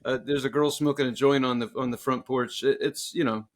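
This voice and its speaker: A man's voice: medium pitch, steady tone, a little fast. Crude, joking man co-hosting a podcast. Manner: crude, joking, laughs often. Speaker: podcast co-host. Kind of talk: casual podcast banter.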